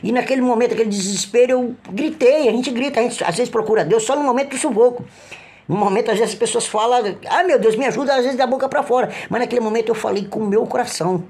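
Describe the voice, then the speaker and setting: A middle-aged man with a Brazilian Portuguese accent giving an emotional personal religious testimony, halting and earnest, with frequent restarts. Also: very high-pitched, a little mellow, husky. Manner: halting, with repeated restarts and trailing phrases; earnest, pleading when retelling cries for help.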